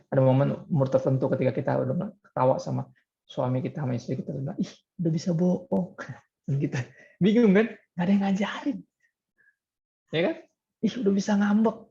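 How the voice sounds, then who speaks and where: A man's voice: medium pitch, gravelly, a little mellow, dull audio. A man preaching a sermon as pastor in a conversational way, often throwing rhetorical questions to the congregation.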